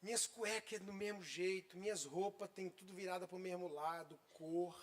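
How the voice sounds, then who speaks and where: A man in his fifties, a pastor preaching a sermon and telling a humorous personal story, with loud bursts and quiet asides. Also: high-pitched, normal speed. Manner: humorous, exasperated.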